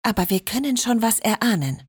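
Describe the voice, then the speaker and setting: A woman voicing the Christ child in a storybook, speaking softly and tenderly. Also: a little high, animated, fairly quick, husky, no room sound, clean studio sound. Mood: gentle. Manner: soft, tender. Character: gentle kindly Christ child spirit. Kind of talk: storybook reading.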